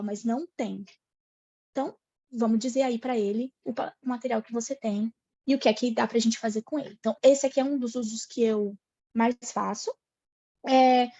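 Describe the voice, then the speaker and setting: A high-voiced woman teacher with a Brazilian Portuguese accent talks her colleagues through a lesson in a chatty, lively way. Her voice has a slightly husky edge, and the online-call audio comes through dry and a little muffled. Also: dry recording. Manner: lively, chatty, often reads out her prompts. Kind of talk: online teacher training talk.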